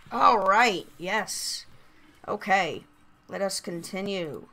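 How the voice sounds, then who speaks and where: A woman giving casual, rambling gameplay commentary through a voice changer, halting and prone to excited exclamations. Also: medium pitch, gravelly. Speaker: gaming video host.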